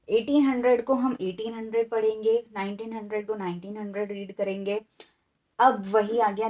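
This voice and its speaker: A woman's voice: mid-range voice, a little mellow, dull audio. A woman teaching an online English lesson, patiently repeating examples, asking rhetorical questions and mixing Hindi with English words. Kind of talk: online lesson explaining year reading.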